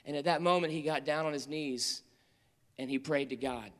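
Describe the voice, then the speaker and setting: A man preaching to teenagers in an earnest storytelling manner, rising to urgent appeals and dropping to quiet, tender moments. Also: a little high, normal speed. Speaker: youth pastor. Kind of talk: sermon to teenagers. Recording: long hall reverb.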